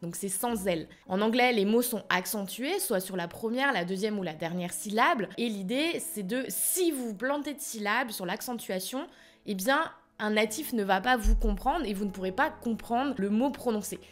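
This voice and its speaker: A French woman who founded a language school, teaching in an energetic, upbeat way and speaking directly to her viewers. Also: medium pitch, normal speed, faint music behind. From France. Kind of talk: teaching video, direct to camera.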